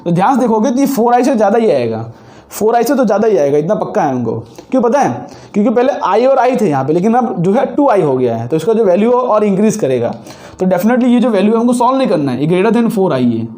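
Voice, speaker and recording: This physics teacher talks fast in a sing-song, mellow voice that sits high, despite a sore throat. Working through exam problems on a board, he goes step by step, restates the key points, and mixes Hindi and English.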